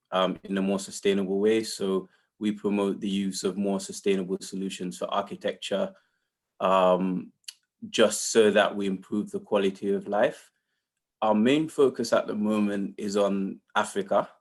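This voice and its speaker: A man, an engineer and founder, informally introducing his work as a panelist with hesitant pauses. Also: low-pitched.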